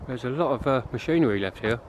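Expressive and fast, a mid-range male voice carries over a noisy background as this English urban explorer vlogger tours an abandoned farm. He chats to viewers and thinks aloud, moving between the outdoors and derelict barns.

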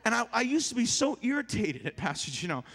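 A man with a high voice preaches as a youth pastor, playful and animated as he acts out funny stories for his congregation. His sermon rings out through a large church hall with a long reverb tail. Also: fast, husky. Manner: animated, jokey preaching with acted-out quotes.

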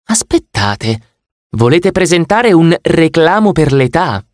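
A man's voice: a little high, big pitch swings, takes it slowly, no room sound, studio quality, pitched above the performer's own voice. Man voicing a bossy little girl boss. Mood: pushy. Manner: brash, bossy, loud megaphone announcer. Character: pushy nine-year-old girl arcade manager, really an old lady.

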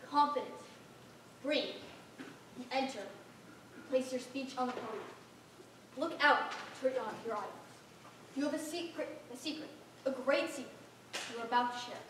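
A woman's voice: sits high, a bit bright, a little hiss or hum. A young woman playing a stern male teacher who gives firm, clipped instructions in a community stage play. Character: stern male teacher coaching a student speaker. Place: theater stage. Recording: echoey hall from far off.

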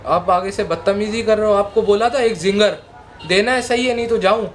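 A man's voice: high-pitched, normal speed, a little hiss or hum. A man, a restaurant customer caught in a prank, irritated and insistent as he repeats his order.

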